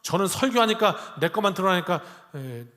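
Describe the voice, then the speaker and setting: Animated high-voiced pastor preaching. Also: male voice, normal speed, long reverb tail. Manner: dramatic, acts out angry quoted lines, asks the congregation questions. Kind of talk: sermon. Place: church sanctuary.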